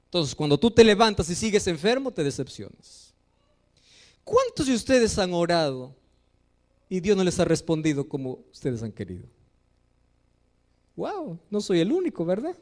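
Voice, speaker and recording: A man's voice: high-pitched, darkish tone. A middle-aged male pastor preaching a sermon to his congregation, impassioned and sing-song, often putting questions to the listeners. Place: church before a congregation.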